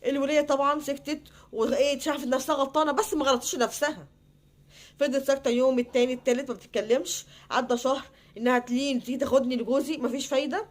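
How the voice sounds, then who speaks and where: A woman's voice: high voice, steady tone. A woman with an Egyptian accent telling a personal story casually, acting out the quoted back-and-forth between people. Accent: Egyptian Arabic. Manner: acts out quoted dialogue in quick back-and-forth.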